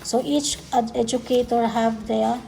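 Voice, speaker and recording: Unhurried and steady, her fairly high voice has a warm, gravelly tone, captured on a rough recording with music underneath. She is a childcare educator vlogging a casual unboxing, breaking each step down simply and often saying things twice.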